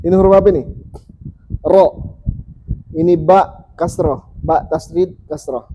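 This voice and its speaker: Seorang guru mengaji pria yang mengajar kelas dengan sabar, mengulang bunyi huruf perlahan untuk murid-muridnya. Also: male voice, fairly high pitch, steady tone, mellow, dull audio, a little hiss or hum. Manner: patient, repeats sounds slowly for students. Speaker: Quran reading teacher. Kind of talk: teaching a class.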